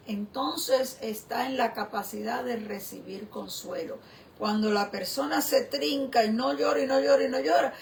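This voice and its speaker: Slow, gravelly-voiced woman pastor preaching. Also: a little high, darkish tone, a little hiss or hum. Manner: slow, reflective preaching with questions to the listener. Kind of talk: sermon.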